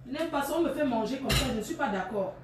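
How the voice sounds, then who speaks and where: A woman with a high voice runs a live sale for her viewers. She scolds and teases them, often laughing as she talks. The sound rings in an echoey room. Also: expressive, fast talker, noisy background. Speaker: online clothing seller on live stream. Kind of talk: casual live-stream chat with viewers.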